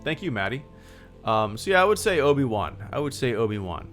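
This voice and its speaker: Soft music plays under a thirty-something man's brisk, slightly bright voice as he runs a casual livestream. His pitch sits in the middle range but swings widely. He rambles, restarts often, fills gaps with fillers, and reads out thanks to viewers.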